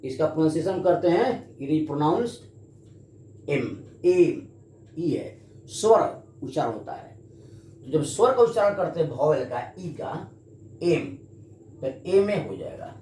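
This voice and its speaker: Speaking slowly but very animatedly, a man with a warm tone leads a grammar class, his voice rising and falling a lot. He puts questions to his students and answers them himself, and the room echoes, with a little faint noise in the background.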